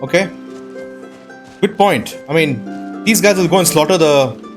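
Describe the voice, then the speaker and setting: A gaming video host plays and comments in a casual, reactive way, thinking aloud. His voice is fairly high and unhurried, with game music in the background.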